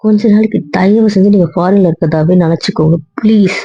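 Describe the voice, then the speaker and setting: A woman's voice: medium pitch, quick pace, warm tone, slightly rough. A woman playing a young wife in a hobby audio drama, earnestly pleading and refusing over and over, recorded with a dull lo-fi sound.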